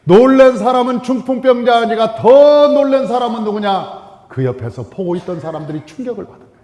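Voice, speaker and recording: A man preaching a sermon as pastor, emphatic, repeating his phrases and swinging between loud and soft. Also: very high voice, lively intonation, fairly quick. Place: church sanctuary. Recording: reverberant church hall.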